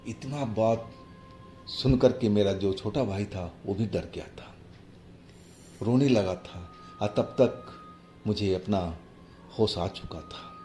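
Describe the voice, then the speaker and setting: A man telling a horror story in the first person, halting and hushed. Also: fairly low pitch. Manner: slow, halting, hushed retelling. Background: faint music.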